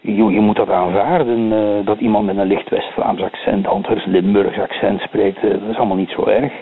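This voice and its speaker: Older Belgian guest, Belgian Dutch accent, halting delivery full of "eh"; tinny phone-line sound. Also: male voice, fairly low pitch, flat delivery, slightly rough. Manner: hesitant, many fillers and repeated words. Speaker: guest commentator. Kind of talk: radio interview by phone.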